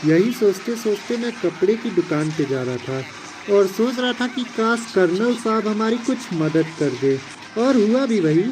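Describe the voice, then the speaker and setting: A man's voice: high voice, animated, measured pace, noisy background. Casual slangy man narrating gameplay. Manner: casual, slangy, chuckling storyteller. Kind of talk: storytelling over game footage.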